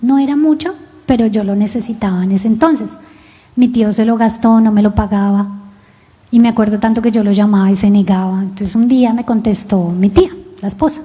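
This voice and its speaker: A woman pastor preaching a sermon, telling a self-mocking personal story in a lively way. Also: medium pitch, a little fast. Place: church service in a rented hall. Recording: long reverb of a hall.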